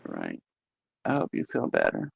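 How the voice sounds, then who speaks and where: A man chatting casually as a guest on a live-stream panel, relaxed and commiserating. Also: a bass voice, unhurried, vocal fry, slightly rough, dry recording.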